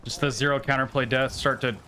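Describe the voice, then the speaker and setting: A man's voice: medium pitch, fairly even intonation, fairly quick, sharp tone, a little hiss or hum. A man streaming a battle royale game live, giving casual commentary in gamer slang, often swearing when frustrated.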